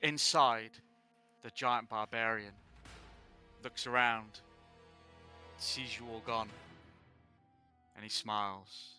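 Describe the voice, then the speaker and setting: A man running a tabletop game as dungeon master on a live stream, narrating deliberately and often correcting himself as he goes. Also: on the low side, fairly even intonation, pushed and bright, faint music behind. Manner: slow, deliberate narration with restarts and self-corrections.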